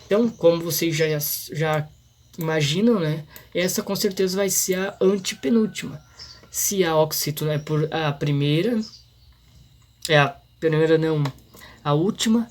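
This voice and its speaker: A man explaining a grammar lesson in an informal, halting way, full of restarts and fillers. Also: on the high side. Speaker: teacher.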